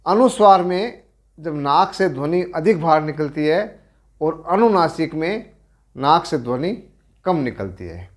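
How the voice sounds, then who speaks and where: A middle-aged man with a Rajasthani accent, giving a grammar lecture as a teacher, explaining slowly and deliberately and correcting himself as he goes. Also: on the high side, big pitch swings. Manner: slow, deliberate explaining with pauses and self-corrections.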